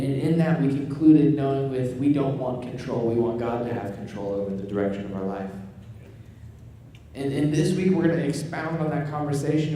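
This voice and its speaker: A man's voice: mid-range voice, warm tone, slight background noise. A young man, preaching a casual sermon from a church stage and telling self-deprecating jokes. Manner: joking, self-deprecating storytelling. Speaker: pastor. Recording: echoey hall, voice from far off.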